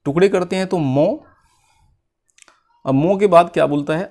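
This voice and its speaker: A man's voice: on the high side, normal speed, a little mellow. A man teaching children to spell, asking a question and then answering it himself.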